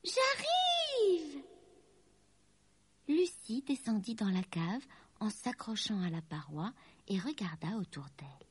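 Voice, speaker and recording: A woman reading a children's story aloud, slow and expressive with gentle dips in pitch. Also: breathy edge. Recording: dry close recording with faint music.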